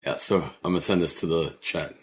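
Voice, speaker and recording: A man hosting a casual podcast, his voice hoarse and croaky like a frog because he is sick. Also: a bass voice, fairly quick. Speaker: podcast host.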